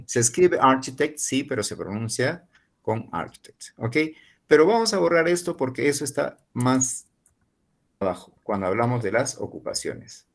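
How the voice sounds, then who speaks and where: With a medium-pitched, very animated voice carrying vocal fry, a man in his forties leads an online English lesson in Spanish. He is a university professor from Peru and slowly repeats model phrases for learners.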